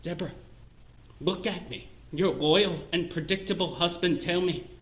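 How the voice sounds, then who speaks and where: An actor playing a bitter middle-aged clerk with a Northern Irish accent in a theatrical monologue, swinging between hushed self-loathing and shouted rage. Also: male voice, high-pitched, moderate pace. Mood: furious, scornful. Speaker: stage actor in a one-man show. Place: performance space, live stream. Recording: roomy echo.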